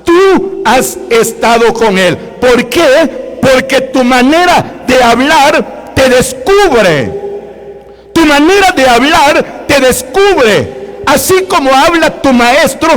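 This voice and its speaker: A man with a Guatemalan Spanish accent delivers a sermon at a slow, deliberate pace, hammering the same phrases again and again. His voice sits high for a man and keeps calling out to the congregation. A long reverb from the church hall trails after every phrase. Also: expressive, a bit bright. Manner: emphatic, repeats phrases, often addresses brothers and sisters. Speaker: preacher.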